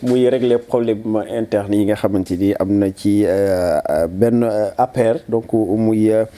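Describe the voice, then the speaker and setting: A man, discussing politics hesitantly with many pauses. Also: lowish voice, fairly even intonation, warm tone. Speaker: political commentator.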